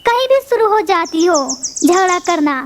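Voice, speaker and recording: A woman's voice: extremely high pitch, normal speed, slight background noise. Tuni, a woman doing a firm sensible sparrow. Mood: stern. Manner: calming but firm. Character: sensible older-sister female sparrow. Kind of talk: cartoon voice acting.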